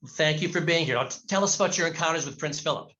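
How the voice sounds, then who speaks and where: A man's voice: a little high, fast talker, pushed and bright, muffled recording. A man hosting a live online event, chatty and friendly as he introduces guests and tells an anecdote. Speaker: host.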